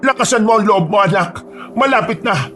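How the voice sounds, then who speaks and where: A man's voice: sits high, lively intonation, normal speed, sharp tone, soft background music, pitched above the performer's own voice. A man voicing a worried older village mother who acts as midwife, with a commanding, urgent manner, in a horror story.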